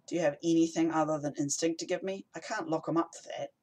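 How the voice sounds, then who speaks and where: A man's voice: fairly high pitch, fairly even intonation, fast talker, darkish tone, lightly acted. Brief: man voicing an overworked woman rebel leader, curt, weary, firm, for an audiobook. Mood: brisk.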